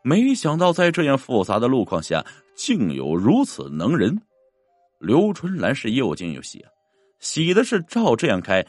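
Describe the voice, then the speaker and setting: A man narrating a dramatic story in an expressive, theatrical manner. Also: no room sound. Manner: expressive, swinging pitch.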